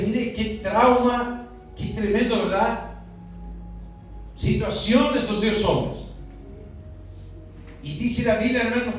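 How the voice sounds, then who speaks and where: A Uruguayan pastor delivers a sermon at an outdoor neighborhood gathering in a notably high voice with a Uruguayan Spanish accent, pelting the congregation with questions. The mic catches him from far away with heavy echo, and faint music plays beneath.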